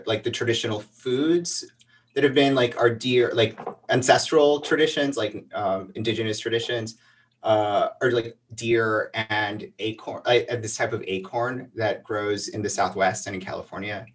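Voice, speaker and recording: A man's voice: lowish voice, fairly even intonation, unhurried, distant mic. A man in his thirties from the El Paso and Juarez border region, telling a childhood story in a casual interview, rambling with many fillers. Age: 30s. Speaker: guest.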